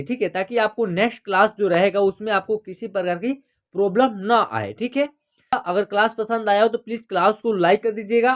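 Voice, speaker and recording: Man, Hindi teacher, patient, repeats each letter, asks the class questions. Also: high-pitched. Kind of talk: slow classroom instruction.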